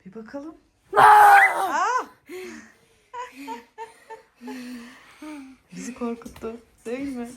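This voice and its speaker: A woman's voice: a little high, big pitch swings, unhurried, pauses often, noisy background. A woman giving playful, often whispered commentary on a family home video.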